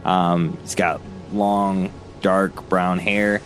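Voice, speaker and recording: A man acting as game master, improvising scene descriptions for a tabletop game in a halting way. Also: low-pitched, flat delivery, fairly bright tone. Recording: clear background noise.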